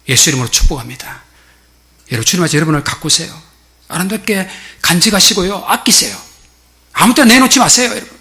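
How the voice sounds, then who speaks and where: A man's voice: high voice, bright, forceful tone. A male pastor preaching a sermon in a church, emphatic and exhorting, repeatedly calling out to his congregation. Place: church sanctuary.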